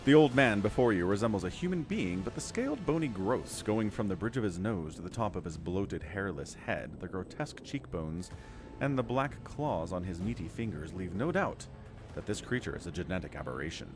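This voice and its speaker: Low-voiced, expressive male gamer. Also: brisk. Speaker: video game player and commentator. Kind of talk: casual commentary and dramatic reading of game text. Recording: clear game music behind voice.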